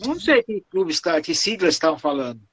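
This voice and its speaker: A man's voice: fairly high pitch, big pitch swings, fast talker, a bit bright, slightly rough, no echo, low-quality recording. A man with a Brazilian accent gives a lecture on protocol and answers questions, explaining patiently and tagging his phrases with "tá?" and "né?". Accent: Brazilian Portuguese. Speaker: lecturer on Lions Club protocol.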